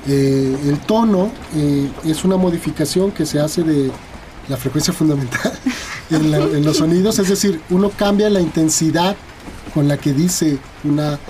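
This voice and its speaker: A man's voice: on the high side, moderate pace, noisy background. A man with a Mexican accent, a guest linguist explaining things in an interview, hesitant and full of fillers and tag questions.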